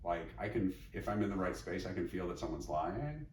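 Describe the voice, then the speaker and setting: Low-pitched and very animated, a middle-aged psychologist and teacher talks fairly quickly as a podcast guest, his tone a little mellow. His reflective answers ramble, full of fillers and restarts. Recorded from a distance in an echoey room, there's faint background noise.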